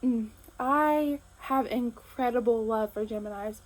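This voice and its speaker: Lady hosting her channel, bubbly and chatty, kinda high voice. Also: unhurried, darkish tone, rough recording. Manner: enthusiastic, chatty, frequent fillers. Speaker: host. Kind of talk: casual chat to camera.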